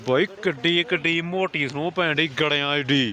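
High-voiced Punjabi man vlogging outdoors. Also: moderate pace, bright, forceful tone. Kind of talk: casual travel vlog chat. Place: outdoors in a snowy mountain valley. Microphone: handheld phone camera. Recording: outdoor crowd and vehicle noise.

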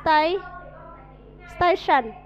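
A woman's voice: extremely high pitch, lively intonation, very slow. A woman with a Vietnamese accent teaching an English vocabulary lesson to a class, coaxing answers and drilling pronunciation. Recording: dull lo-fi audio.

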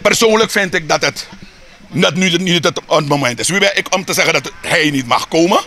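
A man's voice: on the high side, normal speed, sharp tone. A man from Suriname with a Surinamese Dutch accent, speaking heatedly in a street interview, asking rhetorical questions and repeating words as he builds his points.

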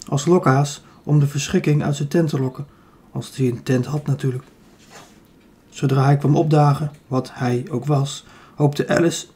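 A man narrating a children's audiobook in a calm, even storytelling manner. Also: on the high side, breathy edge.

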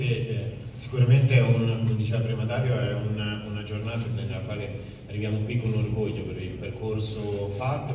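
A man's voice: fairly low pitch, noisy background. A man who is a local official, giving a speech at a press event, hesitant, with many fillers and restarts. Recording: echoey hall, mic from far off.

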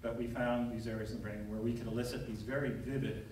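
A man's voice: mid-range voice, level tone, quick pace, a little mellow. Guy doing a science talk, lots of uh and you know, super echoey hall, faint room hum. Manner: conversational storytelling, frequent "uh" and "you know". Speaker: neurosurgeon giving a lecture. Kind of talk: conference talk. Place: large lecture hall, at a lectern. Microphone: audience camera from far back. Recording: very echoey hall, recorded from far off.

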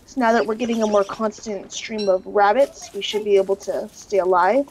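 A woman's voice: medium pitch, normal speed, a little mellow, slight background noise, poor audio. A woman playing a co-op game, chatting, joking about herself and laying out plans. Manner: chatty, self-deprecating, plans strategy. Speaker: co-player. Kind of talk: casual gaming chat.

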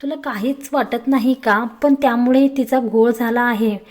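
Prickly young mother, sharp-tongued, read by a woman. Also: fairly high pitch, fairly even intonation, normal speed, lightly acted. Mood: accusing. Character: young mother, irritable and proud.

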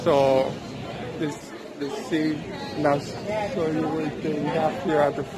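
A man hosting a casual food-review vlog, talking slowly and haltingly through a face mask, outdoors at a theme park. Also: a little high. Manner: slow, halting, with restarts. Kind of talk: casual vlog talk to camera. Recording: loud park music and crowd noise. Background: park music and crowd.

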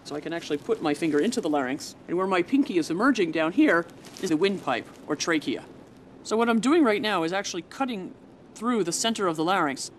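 A woman's voice: lowish voice, animated, quick pace, a little hiss or hum. A woman scientist giving a plain-worded, step-by-step explanatory demonstration for a documentary.

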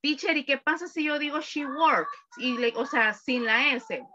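A woman's voice: sits high, unhurried, pushed and bright, muffled recording, a little hiss or hum. A woman teaching an English class over a video call, explaining grammar patiently. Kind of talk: online class instruction.

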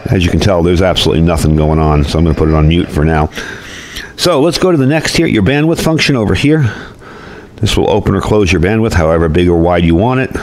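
Sitting at a desk or workbench indoors, a gear-reviewing host talks fast in a deep, darkish voice. His review and demo are casual and folksy, with informal explanations along the way.

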